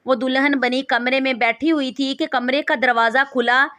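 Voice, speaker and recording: A woman narrates a scripted moral story in a steady, even reading. Her voice sits high, and she keeps the telling calm and measured from line to line.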